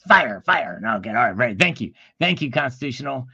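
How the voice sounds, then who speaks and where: A man appearing as a guest on a casual livestream, who pauses and stumbles while he searches for words. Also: mid-range voice, big pitch swings, gravelly, pushed and bright, breathy edge, no echo, highs cut off. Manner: hesitant, stops to search for words. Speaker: guest YouTuber.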